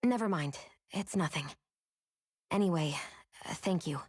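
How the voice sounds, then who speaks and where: A woman voicing a gentle, reserved young heroine in a video game, speaking softly. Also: on the low side, measured pace, breathy edge, no room sound, clean studio sound. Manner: soft-spoken, understated.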